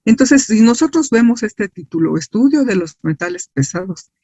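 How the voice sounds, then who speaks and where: A man with a Mexican accent lectures as a science teacher, his high, dark-toned voice expressive and moving at normal speed with no echo. He teaches didactically, posing rhetorical questions he answers himself and often tacking on tag questions to check for agreement. The recording sounds dull, lo-fi and dry.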